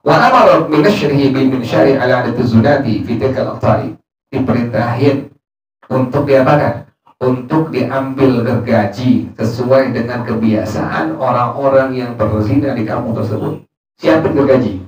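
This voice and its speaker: A man teaching a religious study session, reading Arabic lines and explaining them in casual speech. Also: medium pitch. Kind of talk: Islamic study sermon. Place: prayer room. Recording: echoey room, distant mic.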